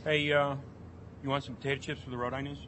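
A man's voice: mid-range voice, flat delivery, fast, fairly bright tone, a little hiss or hum, lightly acted. An actor playing a callous, childish male robber with a whiny, hot-tempered manner. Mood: casual, callous.

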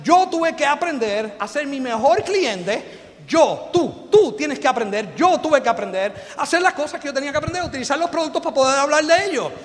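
A middle-aged Puerto Rican man with a strikingly high voice delivers a lively motivational seminar. He jokes and keeps throwing questions at the crowd. His voice rings out with a long reverb in a big hall. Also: a little fast. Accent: Puerto Rican Spanish. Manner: animated, joking, quizzes the audience with questions. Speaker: motivational business speaker. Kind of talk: live motivational seminar talk.

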